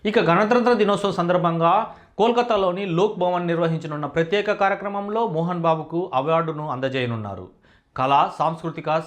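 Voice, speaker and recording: Man reading film news, higher voice. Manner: steady formal reading. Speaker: entertainment news narrator. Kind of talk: scripted news voice-over.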